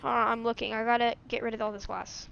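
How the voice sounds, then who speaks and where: A woman co-hosting a gaming video in casual chat, excitable and giggly and quick to yelp. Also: on the high side, vocal fry, dull audio, a little hiss or hum.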